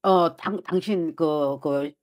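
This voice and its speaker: A woman's voice: low-pitched, slow pace, darkish tone. Middle-aged woman fortune teller, blunt and bossy, grills the caller, talks at her desk in a small shrine office. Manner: blunt, scolding, acts out the client's thoughts. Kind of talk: fortune-telling consultation.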